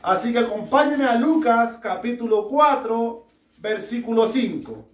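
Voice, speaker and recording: A man preaching a sermon to a small congregation, slow and deliberate, putting rhetorical questions to his listeners. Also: very high-pitched, animated. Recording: echoey room, mic far off.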